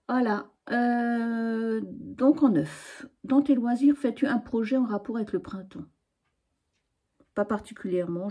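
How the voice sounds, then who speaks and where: Woman, middle-aged, mellow tone, rambling casual vlog chat. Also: medium pitch, slightly rough. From Alsace, France. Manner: chatty and rambling, with frequent hesitations. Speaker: craft vlogger. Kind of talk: casual spring tag chat.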